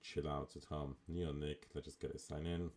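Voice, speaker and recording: On a live stream, a man with an extremely low, rasping voice provides relaxed gameplay commentary through a desktop microphone. His pace is moderate as he chats easily, musing aloud and dropping in frequent casual asides.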